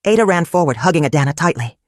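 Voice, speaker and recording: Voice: medium pitch, expressive, fast talker, no echo, clean studio sound. Storyteller in short clipped sentences. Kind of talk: scripted folktale narration.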